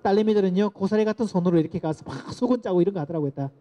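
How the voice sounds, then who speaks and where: A middle-aged man giving a lecture to parents, lively and asking the audience to repeat phrases after him. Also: high voice, racing. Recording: dull lo-fi lecture recording.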